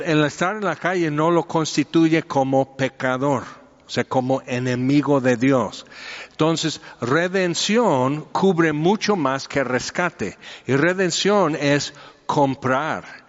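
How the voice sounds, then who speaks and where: A man giving a conversational sermon. He explains with everyday examples and fills his pauses with "este". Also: a little high. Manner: explanatory, uses homely examples and many fillers. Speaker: preacher. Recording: dull echoey hall recording.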